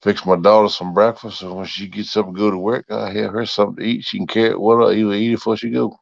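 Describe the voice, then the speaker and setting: A man's voice: lowish voice, little pitch movement, fast, creaky, dry recording. A middle-aged man, casually chatting with his livestream viewers in a rambling, folksy way. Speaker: livestream host. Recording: muffled, dry.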